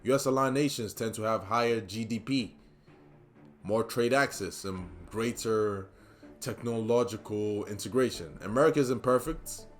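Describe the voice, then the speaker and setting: A man's voice: fairly low pitch, moderate pace. A male host delivers solo commentary in an emphatic way and repeats his key points for stress. He drops casual asides to the listener between them. Faint music plays underneath his voice. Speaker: podcast host.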